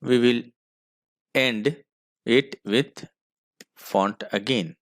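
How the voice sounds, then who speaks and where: A man's voice: mid-range voice, very slow, no echo, clean studio sound. A man with an Indian English accent teaching a school computer class, dictating code step by step. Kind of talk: screen-recorded coding lesson.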